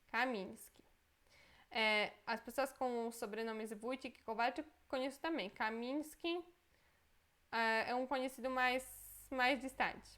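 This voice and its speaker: A woman gives a language lesson in a fairly high voice. She speaks slowly and deliberately, pronouncing each word carefully twice, then adds quick asides to explain. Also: a bit bright. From Poland. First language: Polish. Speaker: Polish language teacher. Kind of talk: language lesson, reading words aloud and explaining.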